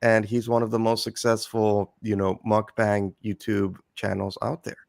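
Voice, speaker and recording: A man's voice: on the low side, flat delivery, normal speed, creaky. A man co-hosting a casual reaction chat over a video call, thinking aloud and drifting into tangents. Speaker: co-host.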